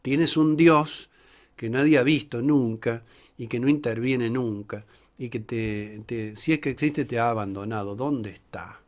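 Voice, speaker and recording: A man, a priest teaching a Bible class in a slow, reflective way, pausing often and reading verses aloud. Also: medium pitch, darkish tone.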